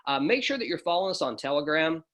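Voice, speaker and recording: A man hosting an online promotional call, energetic and hyping up the audience. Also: fairly high pitch, fast. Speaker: host of an online overview call.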